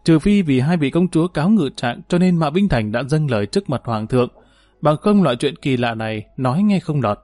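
A man's voice: fairly high pitch, animated, fairly quick, a little mellow, no echo, faint music behind. A man narrating a historical novel, reading steadily and lifting his voice when characters speak. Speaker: audiobook narrator.

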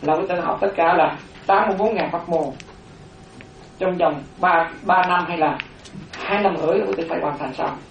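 A Buddhist monastic teaching a dharma class, slowly repeating terms for note-taking, with chatty asides. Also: medium pitch, creaky, a little hiss or hum. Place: classroom with a board. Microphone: distant room microphone. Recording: roomy, distant, dull lo-fi room recording.

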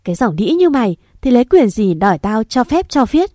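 A woman voicing a furious, domineering older mother-in-law who shouts harsh insults, in a storybook reading. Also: mid-range voice, moderate pace, no echo, studio quality, close to an everyday voice.

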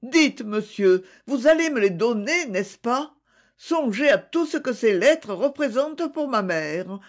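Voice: mid-range voice, sing-song, takes it slowly. A reader voicing a young woman pleading with a prosecutor in an audiobook. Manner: imploring, emotional.

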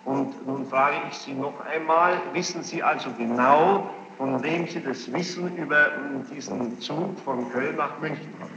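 A man with a voice on the high side questions a witness formally, unhurried yet with hardly any pauses, insistently probing and frequently echoing the answers back. It's an archival recording from a large reverberant courtroom, muffled, noisy and echoey.

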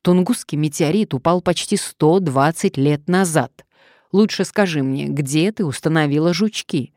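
Brief: woman reading a cold, threatening blackmailer, low-pitched and clipped. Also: measured pace, a little mellow, dry recording, clean studio sound. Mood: menacing. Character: menacing male blackmailer on the phone. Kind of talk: audiobook character reading.

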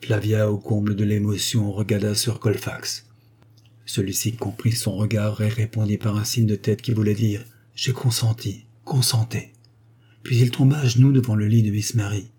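A man reading a nineteenth-century novel aloud as an audiobook narrator, in a measured, expressive way. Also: fairly low pitch, husky. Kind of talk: scripted literary narration.

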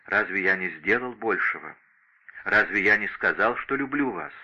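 A heartbroken young nobleman, formal and grieving, as a male reader voices him. The tone is very bright and tense over a low-ish pitch, heard through a dull lo-fi audiobook recording. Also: expressive, moderate pace, heavily acted. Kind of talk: audiobook character reading.

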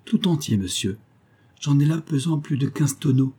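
A man reading the part of a weathered older boatman and former convict, low-voiced, humble and eager to serve. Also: expressive, moderate pace, mellow, slightly rough. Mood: earnest.

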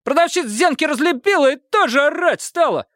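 A man voicing a defiant bald petty thief who squeals and shouts crude slang in a high voice. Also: animated, a little fast, no echo, studio quality. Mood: shrill protest.

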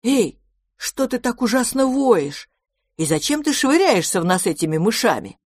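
A woman playing a gaggle of greedy, grumpy storybook mermaids who grumble and make demands. The voices sit high and loud, recorded dry and close. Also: sing-song, moderate pace, no echo. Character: several bossy, greedy mermaids, grumpy and cheeky.

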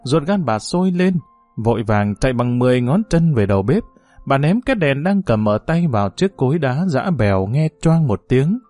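Male audiobook narrator, lively expressive pitch, dry close voice, soft music behind. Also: normal speed, no echo. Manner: expressive storytelling.

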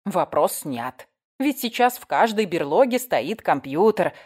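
Woman narrator voices a sharp-tongued, teasing woman editor; audiobook, low-ish pitch. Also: very animated, unhurried, slightly rough, full character voice. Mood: mocking. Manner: sarcastic, giggling, teasing. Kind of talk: audiobook reading.

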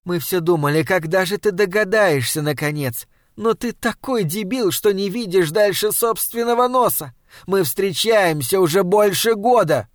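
A man's voice: on the high side, moderate pace, few pauses, dry recording, clean studio sound, natural voice. A man voicing a furious, scornful young woman in an audiobook, screaming insults and sneering.

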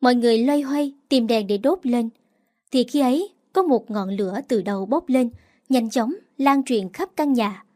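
A woman narrating a first-person dramatic story in a steady storytelling voice. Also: a little high, normal speed. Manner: steady storytelling, quoted lines acted with emotion.

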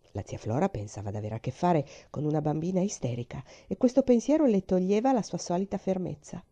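A woman narrating a classic novel aloud as an expressive, suspenseful audiobook reading. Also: fairly low pitch. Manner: dramatic, suspenseful.

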